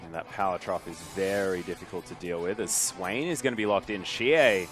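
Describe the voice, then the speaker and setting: Lower-voiced man casting esports. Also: moderate pace, fairly bright tone, faint music behind. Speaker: esports caster. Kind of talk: esports play-by-play commentary.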